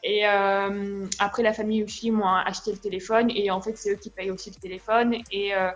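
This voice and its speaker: A young woman from France answers interview questions in a relaxed, halting way, filling her pauses often. Her voice sits at a middle pitch, and faint music plays quietly behind her. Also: low-quality recording. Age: young adult. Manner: relaxed, hesitant, many fillers. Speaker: guest, au pair. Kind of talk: casual interview.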